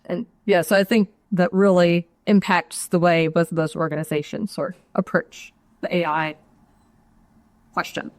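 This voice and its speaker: Low-voiced woman explaining, dry sound. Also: flat delivery, a little mellow, no echo. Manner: measured, explanatory, adds tag questions. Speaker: guest, chief actuary. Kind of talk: interview answer.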